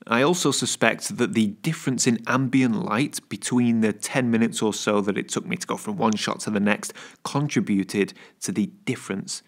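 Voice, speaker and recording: A man in his thirties, a landscape photographer, calmly explaining his film-camera shoot outdoors in a forest, picked up by a camera mic a few meters away. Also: fairly low pitch, normal speed, creaky, hardly any pauses, no echo. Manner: calm, explanatory, counts a long exposure in a whisper. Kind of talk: on-location vlog narration. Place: outdoors in an autumn beech forest.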